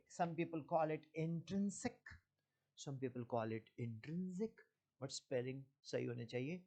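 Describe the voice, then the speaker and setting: Indian male physics tutor, very slow and deliberate, quizzes his class as he explains. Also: on the high side, darkish tone. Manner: slow, deliberate, mixing Hindi and English, asks students questions. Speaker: physics teacher.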